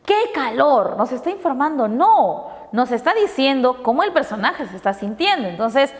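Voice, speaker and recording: A woman's voice: sits high, sing-song, moderate pace, big-room sound. A woman teacher from Peru walking pupils through test answers, asking questions and answering them herself. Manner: explanatory, asks and answers her own questions.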